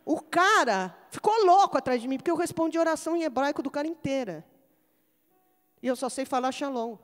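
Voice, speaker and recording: A woman's voice: high voice, expressive, fairly quick. A woman pastor with a Brazilian accent preaching a sermon in a large church, telling funny stories before building to emphatic preaching. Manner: humorous storytelling, rising to emphatic preaching. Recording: long reverb of a church hall.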